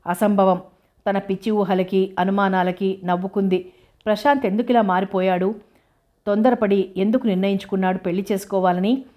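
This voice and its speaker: A woman narrating a novel aloud in a steady, measured reading voice. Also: mid-range voice.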